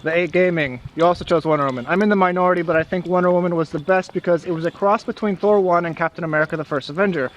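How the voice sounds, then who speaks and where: A man's voice: high voice, rapid-fire, hardly any pauses, highs cut off. A young man co-hosting a casual vlog outdoors in the snow, reading viewer comments and chatting with hesitant fillers and restarts. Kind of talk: casual chat.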